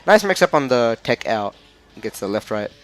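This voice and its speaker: A man's voice: medium pitch, big pitch swings, normal speed, fairly bright tone, soft background music. A man with an Australian accent giving casual analysis of a fighting game match, chatty and often stumbling over the players' names.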